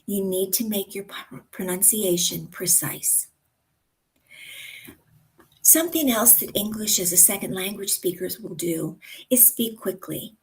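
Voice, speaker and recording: American lady pronunciation coach, talks slow and careful, leans hard on example words. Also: medium pitch, poor audio. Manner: slow, deliberate, over-articulated example words. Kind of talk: instructional talk to camera.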